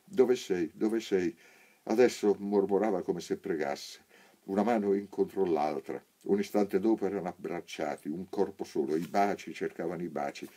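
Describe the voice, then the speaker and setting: A man, an actor, reading a novel aloud in a measured, unhurried storytelling manner. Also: warm tone. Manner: measured, unhurried storytelling, raising pitch for quoted characters. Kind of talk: literary audiobook reading.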